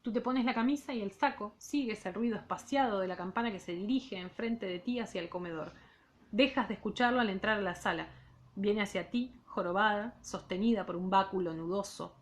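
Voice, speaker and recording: A woman's voice: medium pitch, moderate pace. Argentine woman teacher reading aloud. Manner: reads in second person, breaks off for casual remarks. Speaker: literature teacher. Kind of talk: reading a novel aloud and commenting.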